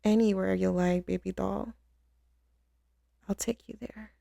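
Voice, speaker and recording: Slow, intimate, and full of gravelly fry, a woman's mellow mid-range voice keeps a steady tone as she voices a commanding crime boss softening for her sweetheart in ASMR roleplay. Doting and earnest, she speaks with swaggering, slangy devotion into a close studio microphone in a very dry space without echo.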